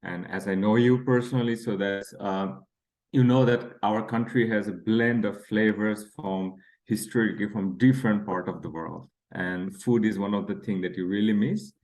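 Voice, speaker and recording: A man's voice: on the low side, fairly even intonation, normal speed, a little mellow. A man from Bangladesh, chatting as an author guest in an interview, friendly and full of fillers. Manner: friendly, chatty, laughs between phrases, many fillers. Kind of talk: casual interview chat.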